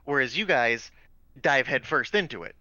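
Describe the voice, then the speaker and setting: A man and game master who teaches high school, chatting casually about his tabletop game and often repeating words as he explains. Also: animated, normal speed, pushed and bright, no echo.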